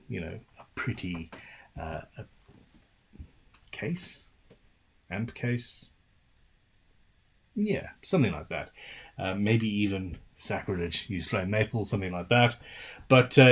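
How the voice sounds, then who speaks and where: A man's voice: on the low side, slightly rough. A British man hosting a casual live-stream Q&A about guitar building, reading viewer questions aloud and answering in a loose, chatty way with trailing restarts. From United Kingdom.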